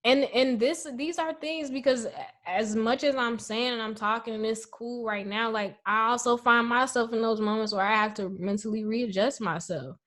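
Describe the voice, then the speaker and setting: A woman's voice: a little high, normal speed, a bit bright. A woman speaking emphatically and passionately as a podcast guest. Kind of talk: casual conversation.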